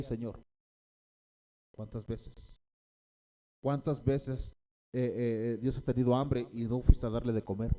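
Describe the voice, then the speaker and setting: A man's voice: mid-range voice, warm tone. A man preaching a sermon as a pastor, repeating key phrases and often checking in with his listeners.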